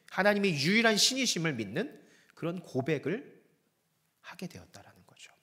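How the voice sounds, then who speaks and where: A male pastor preaching with a fairly high, very animated voice. He retells the story dramatically, rising in pitch and then falling to hushed whispers. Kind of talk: sermon.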